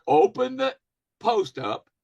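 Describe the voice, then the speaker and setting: A man's voice: very high-pitched, wildly swooping pitch, slow, gravelly, a little mellow, lo-fi sound. A man hosting a weekly business training call, talking emphatically and firing rhetorical questions and commands at listeners. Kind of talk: motivational business training talk.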